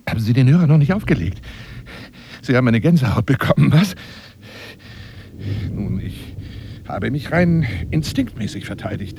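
A male actor with a medium-pitched voice plays a self-dramatizing, obsessive big-game hunter monologuing on the telephone in a radio play, with background noise audible. Agitated and excited, he performs theatrically, swinging from breathy, hushed whispers to agitated outbursts.

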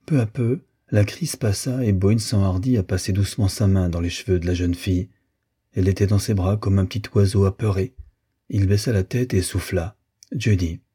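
A man reads a literary novel aloud in a measured, calm manner. His voice is low, very dark and mellow, with a husky grain. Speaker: audiobook narrator. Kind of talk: literary audiobook reading.

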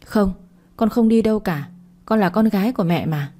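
A woman's voice: mid-range voice, lively intonation, normal speed, mellow, natural voice. A woman voicing a scheming grown daughter who pleads and stammers defensively. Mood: pleading.

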